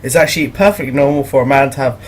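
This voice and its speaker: A man's voice: medium pitch, racing. A teenage boy telling awkward school stories in a casual, rambling way, laughing as he goes. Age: teens. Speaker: vlogger. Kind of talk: casual storytelling commentary.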